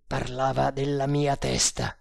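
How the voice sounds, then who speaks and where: A man voicing a brooding army captain who speaks in low, measured, commanding tones. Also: flat delivery, gravelly, no echo, clean studio sound.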